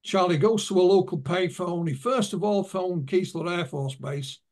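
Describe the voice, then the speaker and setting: A man's voice: high voice, moderate pace, darkish tone. A man being interviewed as an author, telling anecdotes and retelling what witnesses told him. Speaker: author and guest. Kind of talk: interview storytelling.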